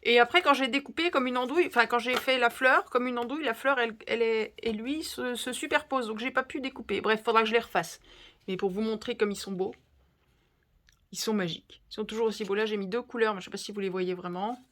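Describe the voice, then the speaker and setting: A woman's voice: a little high, quick pace, fairly bright tone. A woman hosting a casual crafting vlog, gushing and chatting directly to her viewers. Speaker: crafting video host.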